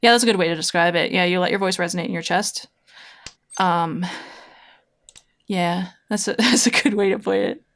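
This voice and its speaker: A woman's voice: lowish voice, normal speed, long pauses, a bit bright. A woman livestreaming a game, chatting casually in a slangy, rambling way as she thinks aloud and answers her viewers. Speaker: livestreamer, VTuber playing online mahjong. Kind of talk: casual livestream chat while gaming, replying to chat.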